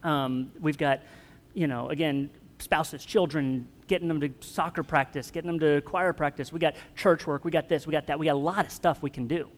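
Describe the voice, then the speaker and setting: A man's voice: fairly high pitch, steady tone, moderate pace. A man preaching a conversational sermon, joking with his congregation. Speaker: pastor. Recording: long hall reverb.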